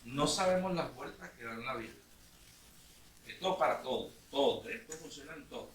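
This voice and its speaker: Man, pastor, lively storytelling sermon, bright forceful voice, echoey hall from a distance. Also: mid-range voice, moderate pace. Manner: lively storytelling, acting out bits of dialogue with sudden loud outbursts; asks the congregation questions. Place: church meeting hall. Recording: echoey room from a distance with faint noise.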